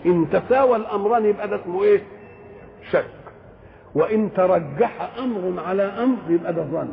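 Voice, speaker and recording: An Egyptian Arabic-accented man with a high, gravelly voice delivers a religious lecture as a Quran commentator. He poses questions to himself and answers them, reciting verses at a slow pace. The audio sounds tinny, like a phone, with a faint hiss.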